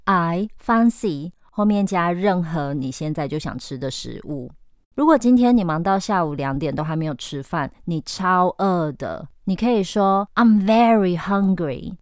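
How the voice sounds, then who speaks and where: Woman teacher, lowish smooth voice, dry close-miked sound, slow modelled phrases. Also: expressive, no room sound. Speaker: English teacher. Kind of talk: scripted language lesson.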